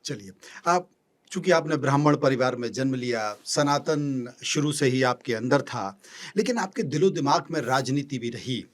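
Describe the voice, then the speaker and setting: A man's voice: mid-range voice, moderate pace. Probing male podcast interviewer. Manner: probing, with frequent listening hums.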